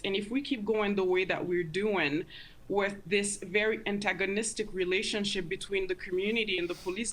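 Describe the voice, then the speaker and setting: A woman speaking as an interview guest, giving earnest, deliberate commentary and stressing her points. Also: mid-range voice, a bit bright. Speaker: interview guest, community advocate.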